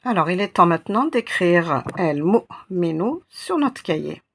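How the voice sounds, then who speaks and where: Woman, language teacher, slow patient delivery, gravelly husky voice, lowish pitch. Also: very animated, fairly bright tone, a little hiss or hum. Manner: patient, repeats sounds syllable by syllable. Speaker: Arabic teacher. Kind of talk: slow step-by-step lesson.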